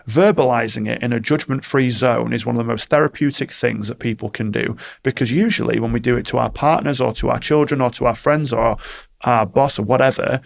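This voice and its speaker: Male coach, calm and firm, gravelly voice, storytelling interview answers. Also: mid-range voice. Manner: calm, firm, explains with stories and quoted exchanges. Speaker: performance coach.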